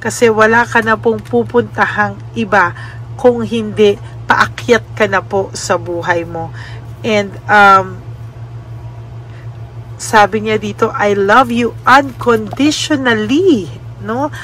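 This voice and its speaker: A Filipino woman giving a casual spoken card reading to her viewers, gentle and often adding little tag questions. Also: medium pitch, fairly even intonation, takes it slowly, long pauses, a little hiss or hum. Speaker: tarot card reader.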